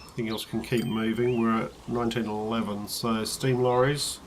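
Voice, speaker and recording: An Australian man thinking aloud as he plays a strategy game, counting quietly under his breath, his voice worn and starting to go. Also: mid-range voice, little pitch movement, fairly quick, slight background noise. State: losing his voice. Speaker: let's play host. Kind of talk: casual gameplay commentary.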